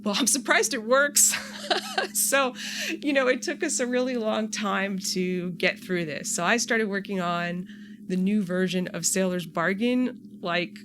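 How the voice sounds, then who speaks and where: A woman who develops game mods answers questions casually and reflectively, as in a conversational interview. Her voice is medium in pitch and measured in pace, and the recording has a clearly noisy background.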